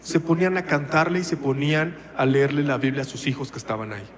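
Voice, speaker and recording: Preacher guy telling his story, prays out loud, echoey church hall. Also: mid-range voice, fairly even intonation, quick pace, a little hiss or hum. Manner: emotional storytelling, quoting his own prayers aloud. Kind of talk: testimony in a sermon.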